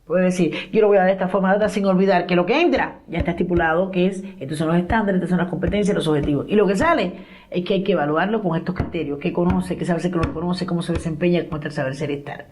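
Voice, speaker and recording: A woman's voice: fairly low pitch, fast talker, darkish tone. A woman teaches a diploma course. She keeps asking herself questions and answering them. She acts out the voices of the people in her stories. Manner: acts out quoted voices in anecdotes. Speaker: lecturer.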